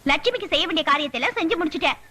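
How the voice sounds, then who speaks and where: An actress playing a chatty, sharp-tongued young village woman in a Tamil film scene. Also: very high-pitched, animated, rapid-fire, over loud music. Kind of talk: Tamil film comedy acting.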